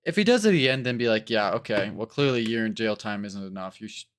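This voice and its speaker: A man's voice: on the low side, sing-song, fast, smooth. A young man co-hosting a casual chat, talking animatedly with lots of fillers and crude jokes. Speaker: co-host.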